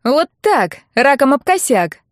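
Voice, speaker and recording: Brief: brash excitable young woman , voiced by a female narrator, high and loud, teasing and impatient, dry audiobook read. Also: a little slow, no room sound. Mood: brash excited.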